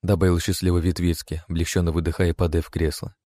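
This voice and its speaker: A man narrating an audiobook with a steady, expressive reading, close to the mic. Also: low voice, quick pace, no room sound.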